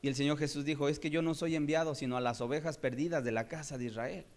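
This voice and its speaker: A man preaching a sermon, moving between soft, low pleading and loud, raised cries, and often asking his listeners rhetorical questions. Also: steady tone, fast. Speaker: pastor.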